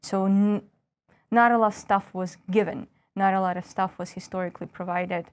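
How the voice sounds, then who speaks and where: A woman's voice: medium pitch, fairly even intonation, moderate pace, a little mellow. A woman in her thirties from northwest Ukraine, a stand-up comedian with a Ukrainian accent, chatting as an interview guest with wry, self-mocking jokes. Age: 30s. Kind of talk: casual interview chat.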